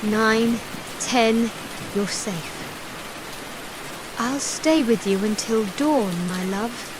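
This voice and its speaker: A woman playing a tender, doting partner in a soft ASMR role-play, speaking in a soothing, intimate, hypnotic manner. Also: a little high, very slow, background noise. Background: rain.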